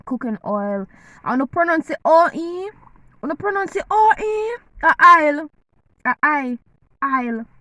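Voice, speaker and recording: Jamaican woman vlogger, high and bright, teasing casual delivery. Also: sing-song, normal speed, dry recording, poor audio. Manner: playful, teasing, eating while talking. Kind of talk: casual chat to camera.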